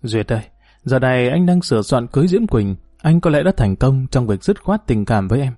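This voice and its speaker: A man voicing a hurt, bitter young woman who was once married, speaking in a pleading tone in his own mellow, dry-sounding voice. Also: medium pitch, lively intonation, a little fast, no echo, lightly acted. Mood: grieving.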